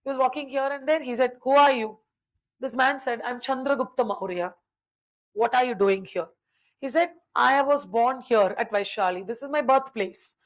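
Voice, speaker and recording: A woman's voice: fairly high pitch, moderate pace, poor audio. A woman history teacher, telling a story in a lecture and acting out the characters' dialogue.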